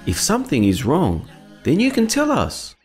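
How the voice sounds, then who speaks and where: A man's voice: on the high side, huge pitch swings, normal speed, soft background music. A man voicing a kind, wise cartoon friend who guides children in an earnest, encouraging, instructive way. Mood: caring. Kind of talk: children's educational cartoon acting.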